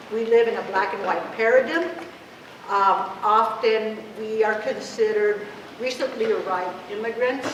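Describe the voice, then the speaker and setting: A Spanish-speaking woman in her fifties, her voice on the high side, gives a passionate, conversational public talk as an activist, frequently asking rhetorical questions. She's picked up by a distant mic in an echoey room, and the noise is clear.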